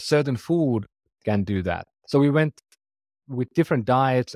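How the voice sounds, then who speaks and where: A man's voice: mid-range voice, darkish tone, no room sound. Finnish man in his forties, dry sound. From Finland. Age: 40s. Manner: earnest, loose phrasing with restarts. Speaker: startup founder and guest. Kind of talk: conversational interview.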